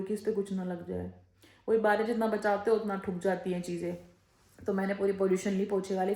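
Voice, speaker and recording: A woman vlogging casually at home, telling a story with lively animation and mimicking the people she quotes, recorded on a handheld phone. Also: medium pitch, vocal fry. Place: room at home. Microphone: phone held in hand. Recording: echoey room on a phone.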